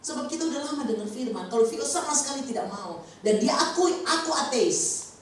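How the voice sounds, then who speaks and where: A woman preaching a sermon in a church, animated and acting out quoted speech. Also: sits high, fast talker. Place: church hall. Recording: echoey church hall from far off.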